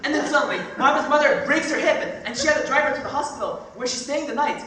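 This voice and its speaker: A woman's voice: high voice, fast, crowd noise, lightly acted. A young woman acting a frantic, sarcastic male party guest in a school stage play. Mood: explaining. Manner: sarcastic, exasperated. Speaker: stage actor. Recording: echoey stage from far off, noisy.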